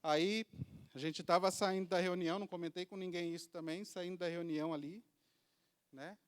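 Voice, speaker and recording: A man's voice: high-pitched, fairly even intonation, normal speed, clean tone. A man with a Brazilian accent giving a heartfelt personal testimony at a church service, telling his story to the congregation. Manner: heartfelt storytelling, addresses listeners as beloved.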